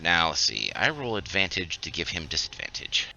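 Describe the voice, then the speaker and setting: Forceful, animated low-voiced man. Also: moderate pace, gravelly, poor audio. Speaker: tabletop game player. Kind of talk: improvised game narration and casual table talk.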